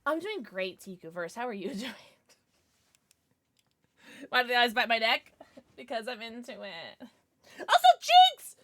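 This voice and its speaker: A woman livestreaming a game with a cute, high anime-girl voice, chatting with viewers in a playful, excitable, reactive way. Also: normal speed, long pauses. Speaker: livestream host playing a horror game. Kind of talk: casual livestream chat and game commentary.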